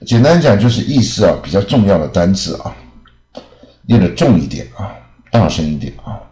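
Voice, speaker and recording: A male teacher giving a casual spoken lesson, rambling and tacking a drawn-out "ah" onto most phrases. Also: deep voice, big pitch swings, dark tone. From Taiwan. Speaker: English teacher. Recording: echoey room.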